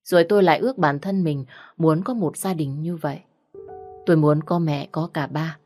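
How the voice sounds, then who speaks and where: A woman reading a first-person story aloud in a steady, reflective way. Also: sits low. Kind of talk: first-person audiobook narration.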